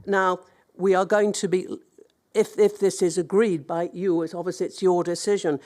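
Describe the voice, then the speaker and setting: A woman councillor with a cold-blocked nose gives an earnest, hesitant statement at a public hearing, full of ums and restarts. Her voice is lowish and mellow, with fairly even intonation and a normal speaking speed.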